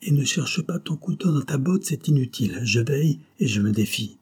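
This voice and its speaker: A man's voice: medium pitch, lively intonation, moderate pace, darkish tone, husky, pitched above the performer's own voice. A man voicing Armand, a stern commanding young man. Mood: menacing. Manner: firm, accusing.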